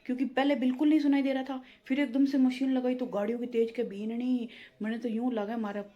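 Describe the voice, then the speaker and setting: A woman vlogger chats through a family story at a relaxed pace. Her voice is mellow and warm, and she keeps slipping in little "na" and "matlab" fillers as she talks. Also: high-pitched, fast, dull audio. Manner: chatty and homely, peppering speech with "na" and "matlab". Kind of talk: casual storytelling vlog.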